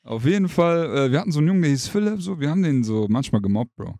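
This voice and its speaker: Man, young, rapid slangy storytelling, dry close sound. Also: on the high side, lively intonation, warm tone, no room sound. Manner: fast slangy storytelling, acts out quotes. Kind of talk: casual chat, storytelling.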